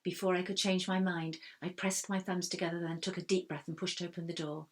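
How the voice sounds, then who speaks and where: A woman reading a first-person children's story aloud in a steady, expressive way. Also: fairly low pitch, fairly quick. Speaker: reader.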